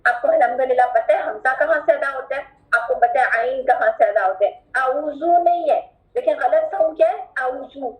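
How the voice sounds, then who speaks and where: A woman with a high voice leads a recitation class and firmly asks her students to pay attention. She repeats each word slowly and stretches it out to show how it should sound. The room is noticeably echoey. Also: a little mellow. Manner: instructive, repeats words slowly drawn out as examples. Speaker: Quran recitation teacher. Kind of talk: online class instruction.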